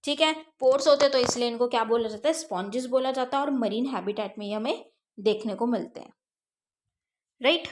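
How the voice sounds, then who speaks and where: A woman giving an exam-prep science lecture, reading textbook lines slowly and then explaining each one, asking herself questions and answering them. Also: a little high, background noise. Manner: explains step by step, asks and answers her own questions. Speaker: teacher.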